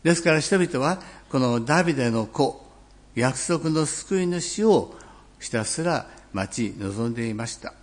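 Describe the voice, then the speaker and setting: A male pastor giving a sermon in a measured, reflective way, slowing down on key phrases and clearing his throat now and then. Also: medium pitch, animated.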